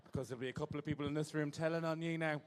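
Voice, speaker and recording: A man's voice: fairly high pitch, fairly even intonation, racing, smooth. A man hosting a live show, doing playful, campy crowd work with a handheld mic in a large venue. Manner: playful, teasing, camp. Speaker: host. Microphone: handheld microphone. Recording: echoey hall.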